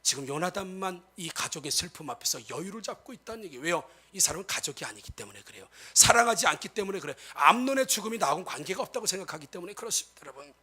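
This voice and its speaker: A male pastor giving a lively sermon, acting out quoted speech and often addressing the congregation directly. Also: a little high. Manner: animated, acts out quoted speech.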